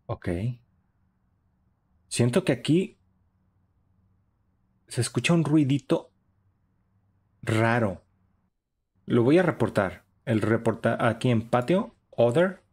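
A man's voice: medium pitch, animated, slow, long pauses, a little mellow, breathy edge. A young man, giving chatty, upbeat running commentary while streaming a horror game. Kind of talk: live gaming stream commentary.

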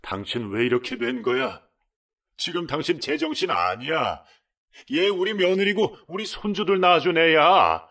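Anguished older father-in-law, as a man acts him out, high and swooping, slow tearful pleading, radio drama. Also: gravelly, fairly bright tone, full character voice.

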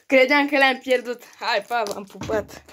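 Comedy sketch performer, woman with a high voice, snappy bickering delivery. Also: fairly bright tone, slight background noise. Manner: quick, bickering, swears often. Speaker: sketch comedian playing several family roles.

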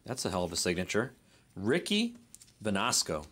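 Hosting a live card break, this man offers easygoing play-by-play and second-guesses names as he reads them. His fairly low, bright voice swings hugely in pitch at a moderate pace, with slight background noise.

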